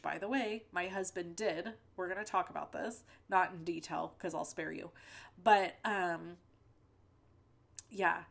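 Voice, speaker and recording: Recording at home, a middle-aged woman with a mid-range, creaky voice narrates a card-making video for her channel. Her chatty crafting voice-over rambles through personal stories, full of fillers and asides, and a lingering cold leaves her sounding a little stuffy.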